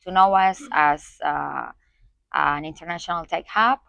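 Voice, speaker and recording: Low-voiced woman guest, halting and dry. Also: creaky, fairly bright tone, clean tone, no room sound. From Spain. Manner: hesitant, many fillers and restarts. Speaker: guest, community organizer. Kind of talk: conversational interview.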